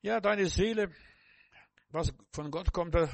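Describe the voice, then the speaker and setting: A man's voice: high voice, slow, creaky, no room sound. An older man preaching a sermon, fervent and repetitive, speaking straight to the listener with many restarts.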